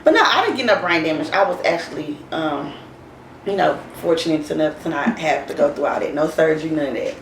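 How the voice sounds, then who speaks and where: A woman's voice: deep voice, lively intonation, fairly quick, distant mic, slight background noise. A young woman from Oklahoma, telling her past as an interview guest in a candid, casual way, blunt and frank with plenty of swearing. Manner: blunt and profane, frank about hard past. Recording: roomy echo, voice off-mic, faint music behind.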